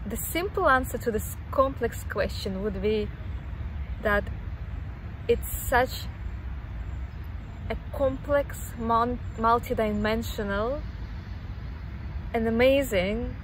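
Woman from kazakhstan, slow careful talk, bit high voice, faint outdoor noise. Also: poor audio. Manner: thoughtful, searching for words, soft-spoken. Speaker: dance teacher. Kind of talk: interview answer. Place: outdoors in a park.

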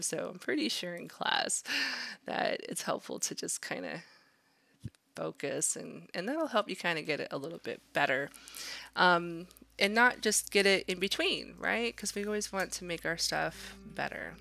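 Speaking as an art instructor, a woman walks through a drawing demo in a fairly low, bright voice touched with a little creak. She's casual and encouraging, thinking aloud while she works, and the recording has no echo.

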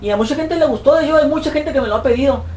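A man with a Mexican accent and a rapid-fire, darkish voice is a YouTuber answering fan questions in a profane, mocking comic rant. He quotes people in shrill put-on voices. The audio has a roomy echo, a distant mic and faint noise.

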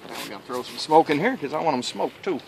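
A man's voice: a little high, fast talker, vocal fry, slight background noise. Folksy Southern man grilling outdoors. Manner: folksy, relaxed, self-amused. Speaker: cooking channel host. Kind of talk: casual cooking vlog narration. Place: backyard outdoors, then indoors at home. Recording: insects and crickets behind.

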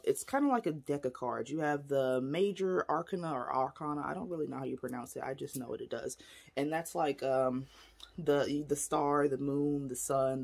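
A spiritual teacher with a low, darkish voice chats to camera in a casual teaching vlog. She rambles a bit as she explains divination tools, showing each object as she talks.

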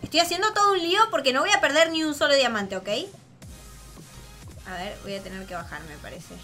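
A woman's voice: high-pitched, expressive, brisk, pushed and bright. A young woman with a Rioplatense Spanish accent doing casual, dramatic gameplay commentary, laughing and shrieking often. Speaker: gaming channel host. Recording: faint game music behind.

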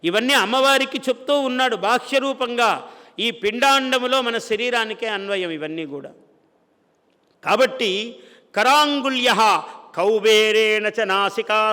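A man's voice: high voice, fairly bright tone, long reverb tail. A man from India giving a devotional discourse. He chants verses and then explains them plainly, often asking a question and answering it himself. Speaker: spiritual speaker.

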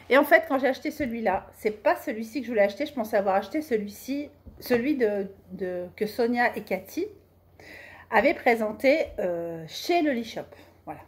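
A middle-aged woman chatting casually through a fabric haul on her sewing vlog, colloquial and self-mocking, with plenty of fillers as she goes. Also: on the high side. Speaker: sewing vlogger.

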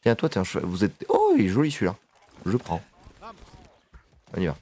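A man giving casual gameplay commentary, excitable and swearing, chatting to his horse as he plays. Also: sits low, fairly quick, husky. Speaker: gaming video creator.

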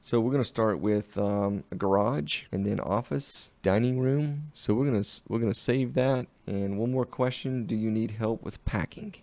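A man with a Southern US accent giving an unhurried, step-by-step walkthrough of a web design tool in a screen-recorded tutorial. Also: on the low side, a little mellow, no echo.

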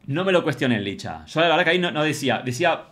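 A young man with an Argentine accent chatting excitedly to his viewers as he reacts to a reality show. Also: fairly high pitch, fast. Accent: Rioplatense Argentine Spanish. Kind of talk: casual reaction commentary.

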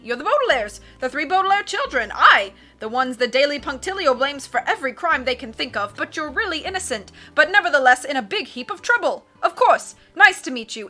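A woman voicing a blustering, excitable male submarine captain from a storybook, roaring and constantly changing his mind. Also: high voice, full character voice. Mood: excited, effusive. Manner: roaring, self-contradicting, rapid changes of mind.

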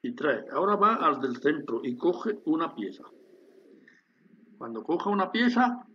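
Man narrating a screen tutorial, slightly high voice. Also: big pitch swings, a little slow, pushed and bright. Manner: explanatory, addresses viewers with frequent "¿vale?". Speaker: instructor demonstrating a factory simulation. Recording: dull lo-fi sound with faint hiss.

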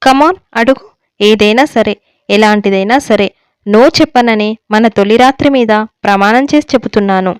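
A woman's voice: a little high, clean tone, no echo, studio quality, natural voice. A woman doing a swaggering young groom. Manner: swaggering, mixes English words, pushy. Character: boastful young man, newlywed groom, showy. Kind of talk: storybook reading.

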